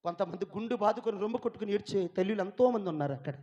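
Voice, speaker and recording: A male pastor preaching a fiery sermon, dropping to a hush and then shouting, and calling on his listeners to clap loudly. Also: high voice, racing, lo-fi sound. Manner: calls on the crowd to clap loudly, asks questions.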